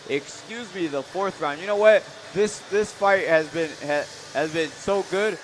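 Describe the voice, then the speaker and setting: A man's voice: high-pitched, unhurried, slight background noise, rough recording. A man giving live, conversational boxing commentary, thinking aloud and repeating words as he goes.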